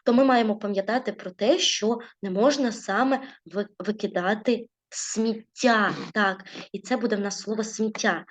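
A woman teaching a primary school class, speaking gently with many diminutives and frequently checking in with "right?". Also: fairly high pitch. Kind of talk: classroom lesson narration.

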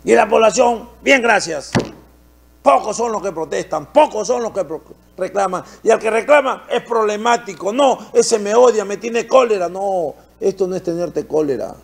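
A man's voice: high voice, animated, normal speed, vocal fry. A man with a Peruvian accent, hosting a TV opinion show and giving indignant political commentary full of rhetorical questions. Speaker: TV opinion host.

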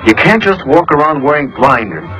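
An actor playing an earnest young soldier in love, speaking quietly and directly in a film drama. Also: male voice, a little high, big pitch swings, moderate pace, rough recording. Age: young adult.

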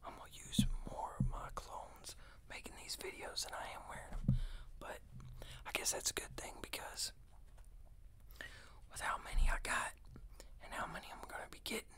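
An American man in his thirties whispers an informal ASMR product review close to a desktop microphone. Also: a bit bright. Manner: slow, unhurried, informal whispering. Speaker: fragrance reviewer and ASMR host. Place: small indoor room with shelves of bottles. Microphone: close desktop condenser microphone.

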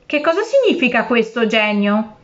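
A woman's voice: on the high side, sing-song, moderate pace, muffled recording. A woman voicing a desperate, clever fisherman. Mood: defiant. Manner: pleading, then shrewd and defiant.

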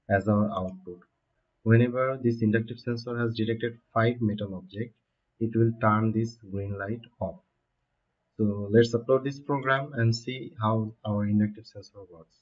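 A man in his thirties giving a step-by-step technical tutorial from a desk in a small room. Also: lowish voice. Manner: steady step-by-step explaining. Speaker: automation instructor. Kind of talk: screen-recorded technical tutorial. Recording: dull lo-fi home recording.

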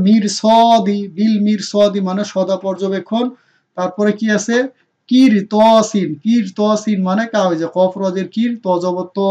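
A man with a Bangladeshi Bengali accent teaching Quran reading in an online lesson, quizzing students and answering himself, and repeating the Arabic words slowly and loudly. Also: sits high. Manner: drills rules by asking questions and answering them himself. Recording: dull lo-fi sound.

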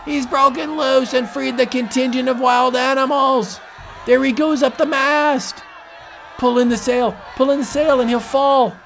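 A man doing a yelling ship's crewman. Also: very high voice, fairly even intonation, unhurried, creaky, a faint crowd, pitched above the performer's own voice, full character voice. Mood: urgent. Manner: shouting urgently. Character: excited male ship's crewman shouting orders.

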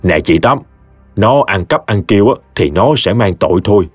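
A man voicing a gruff old village elder with a Mekong Delta Vietnamese accent, grumbling and scolding. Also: lowish voice, animated, fairly quick, no room sound. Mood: coaxing. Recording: dry close studio voice, soft music behind.

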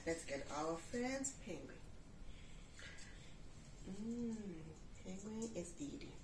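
A woman's voice: medium pitch, expressive, slow pace. A woman reading a picture book aloud with props, playful and talking to young listeners. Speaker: storyteller. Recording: roomy, distant mic, faint hiss.

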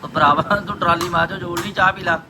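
A man's voice: high-pitched, fairly even intonation, fast. A man with a Punjabi accent chatting casually and playfully as he films a family vlog. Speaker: vlogger and father. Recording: loud ambient and vehicle noise.

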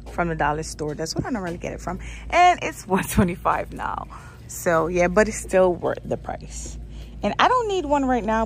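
A woman's voice: fairly low pitch, slight background noise. Chatty woman thinking aloud in a store. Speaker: vlogger. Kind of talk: casual shopping vlog narration. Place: indoors in a store aisle. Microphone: handheld phone camera.

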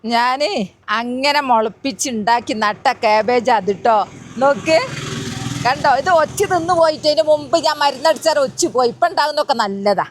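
A woman's voice: high-pitched, moderate pace, a little hiss or hum. A woman chatting to her viewers in a casual gardening vlog, recorded outdoors in a garden beside a road. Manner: chatty, speaks straight to viewers. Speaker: gardening vlogger.

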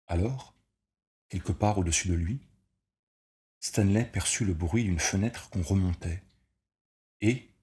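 A man narrating a short story as an audiobook reader, measured and steady. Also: deep voice.

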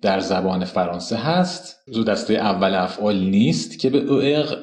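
A man teaching a recorded lesson at a whiteboard. He explains each point and spells out conjugations slowly, one form at a time. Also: on the low side, animated, a little mellow, echoey room. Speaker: French teacher.

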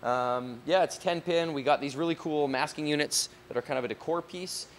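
A man's voice: a little high, fairly quick, a little hiss or hum. A man in his thirties, a bar owner, talking casually in an on-site interview, with many fillers like "you know" and "um". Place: outdoors on a street, then inside a large bar and bowling hall. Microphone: handheld reporter mic.

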